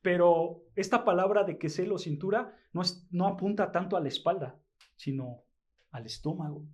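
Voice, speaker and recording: A man's voice: high-pitched, moderate pace, a little mellow. A man preaching a sermon with a Mexican Spanish accent, emphatic, often asking the congregation a question and answering it himself. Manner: emphatic, asks and answers his own questions; addresses the congregation as brothers. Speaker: pastor.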